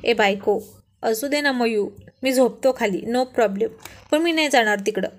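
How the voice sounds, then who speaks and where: Woman reading as a cheeky young husband, joking banter, storybook reading, fairly high voice. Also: normal speed, natural voice. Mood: teasing. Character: playful teasing young husband.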